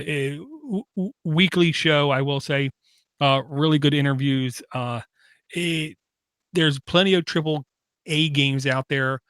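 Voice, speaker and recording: A man's voice: mid-range voice, dry recording, clean studio sound. A man hosting a tech podcast, wrapping up the show in a casual tone with a lot of "uh" fillers. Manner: steady, many "uh" fillers, reads out contact details. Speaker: podcast host. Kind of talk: casual sign-off chat.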